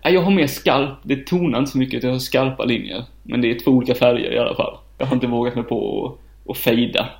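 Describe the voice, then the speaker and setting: A man's voice: medium pitch, creaky, few pauses. A man co-hosting a casual chat who laughs often, mocks himself and rambles with many restarts. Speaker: podcast co-host.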